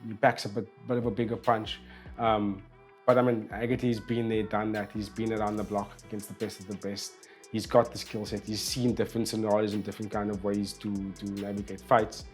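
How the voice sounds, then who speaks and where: A man with a somewhat low voice talks through an upcoming fight card in a loose, chatty way, often circling back and repeating himself. Faint music plays underneath. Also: little pitch movement, fairly quick. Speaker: host. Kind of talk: casual fight preview monologue.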